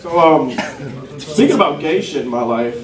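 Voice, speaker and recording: A man's voice: a little high, expressive, unhurried, background noise. A young man doing a stand-up routine, telling loose, profane stories full of fillers, on a club stage. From a city. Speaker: stand-up comedian. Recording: echoey club from a distant mic with crowd laughter.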